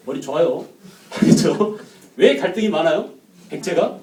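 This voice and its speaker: A man's voice: high voice, warm tone. A man giving a classroom history lecture, often putting questions to the class and acting out quotes. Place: lecture room. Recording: echoey room, mic at a distance.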